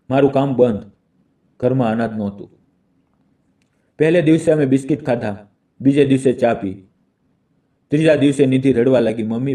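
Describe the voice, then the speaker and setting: A male storyteller narrates an emotional family tale in short, measured phrases. His tone is deep, dark and mellow. He sounds a little set back from the microphone. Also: far from the mic.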